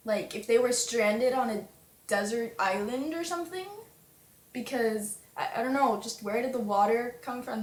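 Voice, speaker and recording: A young woman chatting in a casual fan vlog, gushing and full of fillers. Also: fairly high pitch. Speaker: fan vlogger. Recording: roomy webcam audio with faint hiss.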